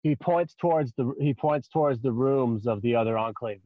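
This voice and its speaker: A man improvising narration as a tabletop game master, haltingly, often repeating phrases. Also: mid-range voice, no room sound, dull audio.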